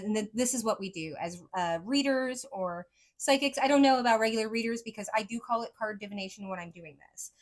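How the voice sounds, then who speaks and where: A woman psychic reader talking casually to her viewers, rambling with lots of "like" and "right?", her speech a mix of accents she picked up from many places. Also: mid-range voice.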